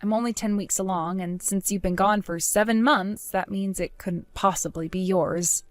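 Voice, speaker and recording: A woman voices a scheming, unfaithful young wife, coaxing and pleading in a middle-pitched, natural voice with a cold mood. Her tone is steady and her pace moderate, and the sound is dry and close with no room around it.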